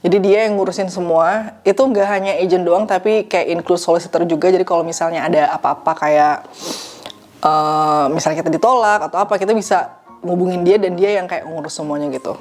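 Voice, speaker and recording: Chatty young woman with a low voice. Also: brisk, a little mellow. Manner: chatty, mixes English phrases into her talk. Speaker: vlogger answering viewer questions. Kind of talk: casual Q&A vlog.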